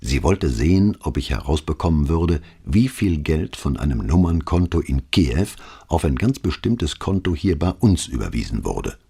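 A man narrating a crime novel in a measured, expressive reading. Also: a bass voice, vocal fry, slightly rough. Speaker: audiobook narrator.

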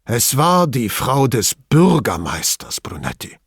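A pompous police chief, voiced by a man reading an audiobook, pushes every point with indignant emphasis. His husky voice leaps around in pitch, and the recording is close and dry. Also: very animated, measured pace, no room sound.

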